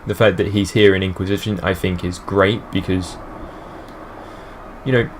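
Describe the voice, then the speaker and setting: A deep-voiced man talks casually over his gameplay, rambling with a fan's enthusiasm. Faint game ambience hums underneath. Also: steady tone, normal speed, slight background noise. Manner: rambling, enthusiastic fan talk. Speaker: gaming channel host. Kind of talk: let's play commentary.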